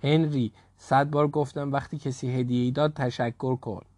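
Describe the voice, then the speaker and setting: A man voicing an exasperated mother who scolds her son, in a higher voice, in a children's story reading. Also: steady tone, a little mellow, dry recording, lightly acted.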